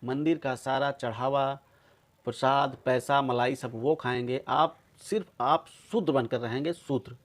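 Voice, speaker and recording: A man delivering a forceful, accusing monologue to his online viewers. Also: medium pitch, steady tone, a little slow. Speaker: video commentator.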